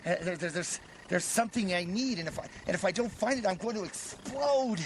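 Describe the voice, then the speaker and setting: A man's voice: sits high, fast, noisy background. A man delivering a comic confessional monologue, stammering and repeating words in frantic, self-mocking bursts.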